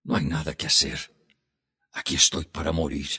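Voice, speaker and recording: A man voicing a solemn wild jaguar that speaks calmly of its own death, in a grave, resigned, low manner. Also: normal speed, slightly rough, full character voice.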